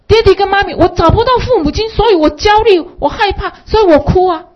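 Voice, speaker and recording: Woman doing a high tearful lost child. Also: fairly quick. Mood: tearful pleading. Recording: dull lo-fi recording.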